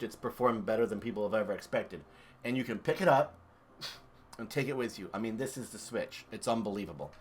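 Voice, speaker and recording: A man's voice: fairly low pitch, fairly bright tone, slight background noise. A man streaming and commentating a video game comparison in a chatty, enthusiastic way. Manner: chatty, enthusiastic, thinks aloud. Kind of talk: casual gameplay commentary.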